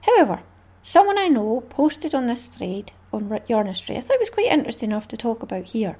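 A woman's voice: a little high, sing-song, brisk, warm tone, husky. A Scottish woman hosting a craft podcast, talking in a chatty, rambling way with small laughs. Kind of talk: casual solo podcast chat.

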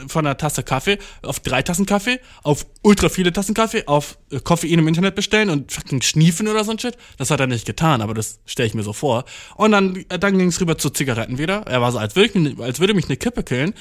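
A man's voice: a little high, lively intonation, quick pace. A man delivering a rambling comedic monologue, swearing constantly and mixing English slang into his talk, self-mocking and over-caffeinated. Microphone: audio-only recording.

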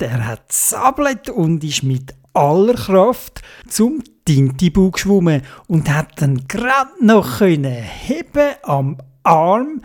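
A storyteller with a Swiss German accent, slowly reading a children's story aloud in a sing-song way. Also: medium pitch.

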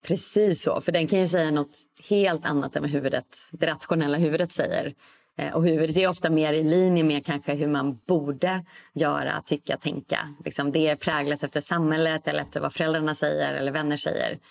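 A woman talks as a guest on a casual podcast, easy and reflective, often pausing to find her words as she thinks aloud. Her very low voice keeps a steady tone and creaks gravelly at the ends of phrases.

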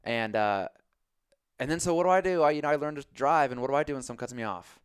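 A man co-hosting a podcast, chatting casually and telling stories with lively shifts of voice. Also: fast talker, clear, resonant tone, dry recording, studio quality. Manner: animated storyteller, jumps into high voices for quotes. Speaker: podcast co-host; coach.

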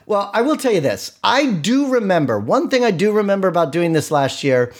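A man's voice: high-pitched, very animated, brisk. A man co-hosting a podcast in casual, conversational chat. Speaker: podcast co-host.

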